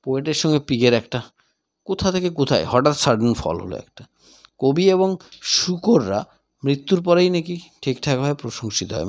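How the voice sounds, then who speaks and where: A man gives a literature lesson in a mid-pitched voice. His pitch rises and falls with lively emphasis as he explains. He mixes with English terms and slows down to read quoted lines. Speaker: tutor.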